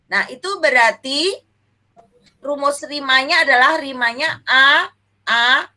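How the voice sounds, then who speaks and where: Young woman teacher, high voice, sweet with the kids, asks then answers herself. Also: a little slow, bright, forceful tone. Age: young adult. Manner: affectionate, calls pupils dear, asks and answers her own questions. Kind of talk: elementary classroom teaching.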